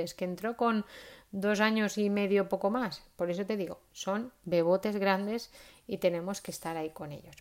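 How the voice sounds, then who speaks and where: A woman, giving parenting advice in a casual, chatty monologue with frequent "¿vale?" tags. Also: medium pitch. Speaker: parenting vlogger.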